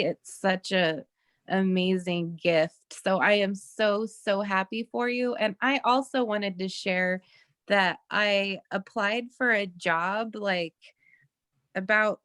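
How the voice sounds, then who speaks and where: A woman's voice: mid-range voice, a bit bright, no room sound, clean studio sound. A woman sharing heartfelt news on a group video call, rambling with many fillers.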